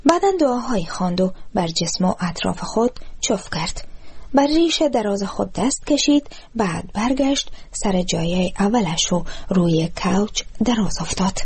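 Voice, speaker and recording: A woman with an Afghan Dari accent reading a story aloud in a calm, measured way. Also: medium pitch, husky. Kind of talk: storybook narration.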